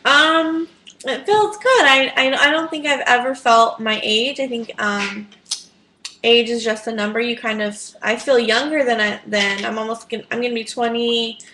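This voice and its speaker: A woman in her late twenties in a casual chat, thoughtful and hesitant, pausing on "um". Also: fairly high pitch, bright, forceful tone, slight background noise, poor audio. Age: late 20s.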